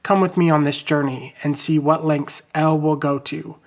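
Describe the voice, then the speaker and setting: Male podcast host, chatty sign-off, then a plain, steady reading from his own book. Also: on the high side, normal speed. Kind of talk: casual chat and reading from his novel.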